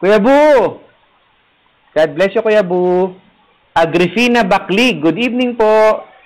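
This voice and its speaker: A man's voice: high-pitched, unhurried, poor audio. A man, a parish priest, chatting casually on a livestream, greeting viewers by name and joking playfully. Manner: playful, teasing, laughs at own jokes. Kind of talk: casual livestream chat reading viewer comments. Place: rooftop garden, third floor.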